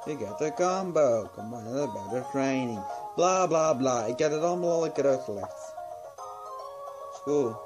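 A man's voice: medium pitch, expressive, unhurried. A drowsy young adult man giving casual gameplay commentary, rambling and muttering to himself with some swearing. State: tired, drowsy. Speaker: gaming video host. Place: small room at home. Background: game music.

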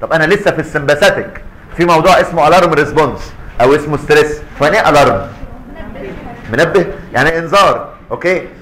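Fast-talking Egyptian lecturer, animated man. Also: a little high, a little hiss or hum, poor audio. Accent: Egyptian Arabic. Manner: animated, keeps quizzing students and acting out little scenes. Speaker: university physiology lecturer. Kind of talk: lively medical lecture to students. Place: lecture hall.

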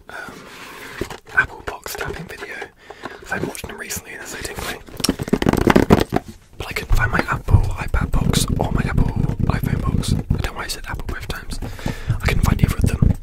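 A British man in his twenties whispering fast, aggressive ASMR close to the microphone in a casual chatty way, often repeating phrases. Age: 20s. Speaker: ASMR video creator. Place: small home room with acoustic foam, indoors. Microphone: large close microphone with foam windscreen.

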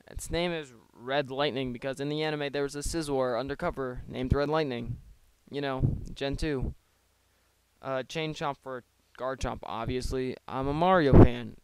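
A man's voice: medium pitch, clean tone, no room sound. A man giving casual, rambling play-by-play of his own online battle, with joking asides, close to a desk microphone. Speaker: league player.

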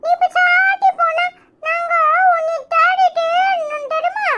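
A woman's voice: fairly even intonation, unhurried, very noisy. A woman voicing two small boys pleading with their mother, in a Kanyakumari Tamil accent and a whiny, childlike way. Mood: clingy pleading. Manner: whiny, clingy, high childlike voice. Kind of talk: village comedy serial acting.

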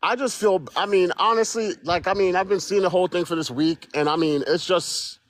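A man with a fairly high voice talks casually on a livestream. His delivery is halting and exasperated, circling back over his phrases. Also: fairly bright tone. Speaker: livestream guest.

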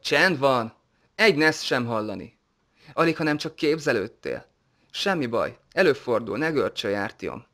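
A man voicing a kind, steady squad commander in an audiobook. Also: mid-range voice. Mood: reassuring. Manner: kind, reassuring. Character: calm male squad commander, gentle and firm.

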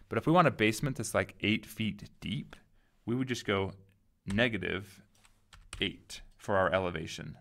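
A man with a lowish, gravelly voice walks through a software tutorial in a loose, relaxed way. He thinks aloud and lets his sentences trail off. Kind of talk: casual screen-recorded tutorial.

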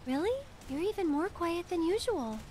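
A woman's voice: very high-pitched, expressive, moderate pace, a little hiss or hum. A woman voicing a plucky, playful young adventurer in a video game, teasing and assertive. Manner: bright-spirited, teasing, assertive.

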